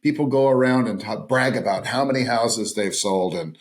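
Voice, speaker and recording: A man's voice: medium pitch, moderate pace. Enthusiastic male podcast host. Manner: enthusiastic, repeats phrases for emphasis. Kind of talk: casual interview chat.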